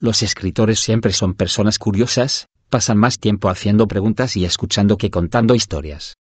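This is scripted audiobook narration by a man whose low voice is husky and paced at normal speed, delivered in an even, steady way. He occasionally voices the punctuation, and the recording is dry and close, free of room echo.

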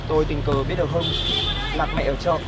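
Quick, high-voiced man playing a protective guardian. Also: over a noisy crowd, lightly acted. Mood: firm. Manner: firm and protective, reasoning calmly. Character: kind man defending his adopted orphan boy. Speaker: adoptive guardian of the boy. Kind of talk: scripted web sitcom acting. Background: background music.

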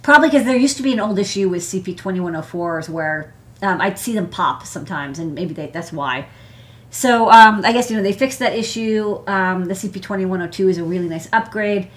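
An American electronics engineer, somewhere in her thirties or forties, hosts a live hardware show-and-tell from her indoor desk workspace. Her medium-pitched voice has lively intonation and a fairly quick pace, and her casual rambling is filled with "like" and "you know".

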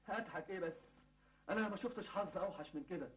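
A man's voice: high voice, fast talker, fairly bright tone. A sulky broke young Egyptian man. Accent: Egyptian Arabic. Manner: grumbling, self-pitying. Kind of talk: 1980s Egyptian TV sitcom acting.

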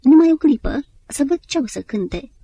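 A woman's voice: sits high, expressive, warm tone, no echo, pitched above the performer's own voice. A woman narrator voicing an aging male conductor, exclaiming and whispering in bewilderment. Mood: pleading.

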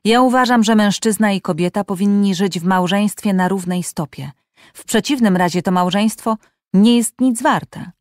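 A woman's voice: medium pitch, normal speed, dry recording, clean studio sound, close to an everyday voice. Woman reading as an indignant, lecturing man. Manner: heated, lecturing. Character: indignant man, a doctor outraged at privilege.

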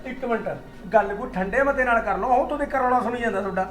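Man as middle-aged husband, pleading, high-pitched, rapid speech, echoey room. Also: music in the background. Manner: pleading, fast talker urging calm. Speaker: husband and father. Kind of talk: Punjabi short film acting.

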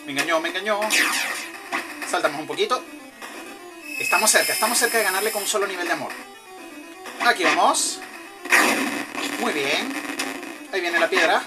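A man giving live commentary over a video game, excitedly cheering himself on and swearing as he plays. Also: high voice, moderate pace, pauses often, poor audio. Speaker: gameplay commentator. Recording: loud game music behind the voice. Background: loud video game music.

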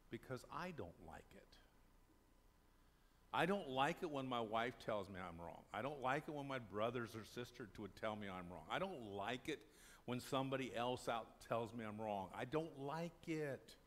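An expressive, fairly bright mid-range voice at a moderate pace: an older pastor preaching in a small church sanctuary indoors. He talks conversationally to the congregation and answers his own questions.

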